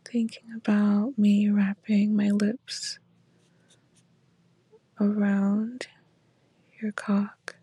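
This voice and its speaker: A woman in a whispered role-play as a teasing, affectionate lover, speaking softly and breathily right in the listener's ear. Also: mid-range voice, completely flat delivery, extremely slow, long pauses, husky, no room sound. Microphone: very close, dry microphone.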